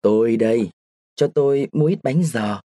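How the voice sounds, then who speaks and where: A man's voice: medium pitch, normal speed, mellow, no echo, clean studio sound, lightly acted. A man playing a lecherous young soldier in a read-aloud story, speaking in a brash, bossy way. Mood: smooth-talking.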